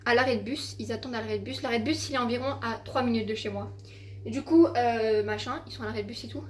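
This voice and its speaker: A teenage girl rambles to her phone camera at home in a casual vlog, full of fillers, swearing, and exasperation as she tells her story. Her voice is a little high and fast, with a faint hiss or hum behind it.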